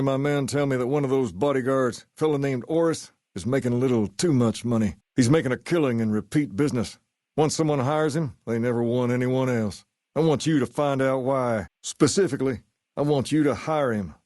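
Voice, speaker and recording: A male actor plays an easygoing video game gang boss who carries himself like rock-and-roll royalty. He sits at a middling male pitch and talks in a measured, folksy, colloquial way. The sound is dry and close, and he comes across as sure of himself. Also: a little mellow, no room sound, natural voice. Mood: businesslike, confiding. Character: easygoing, self-assured gang leader styled as a rock-and-roll king. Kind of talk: scripted game character dialogue.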